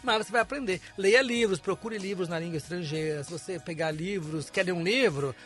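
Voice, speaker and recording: A man's voice: high-pitched, a little fast, a bit bright, soft background music. A man, an English teacher, explaining pronunciation as a guest on a radio interview in a studio. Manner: explanatory, demonstrates sounds.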